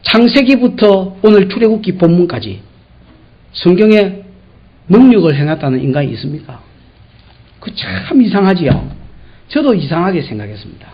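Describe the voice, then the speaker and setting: A pastor with a Gyeongsang accent preaches in a folksy, joking manner and acts out the dialogue. His voice is husky, high and very lively in pitch. The church recording sounds muffled and lo-fi. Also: normal speed, long pauses. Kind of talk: expository sermon.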